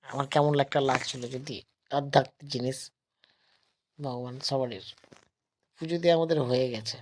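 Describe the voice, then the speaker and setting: A man narrates a casual vlog, talking slowly and quietly because of a sore throat. His delivery stays flat and even, with little rise and fall. It is recorded on a phone he holds himself as he walks around temple grounds. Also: medium pitch, noisy background. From West Bengal, India. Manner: speaks slowly and softly, addressing viewers as friends. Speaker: travel vlogger. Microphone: phone held while filming.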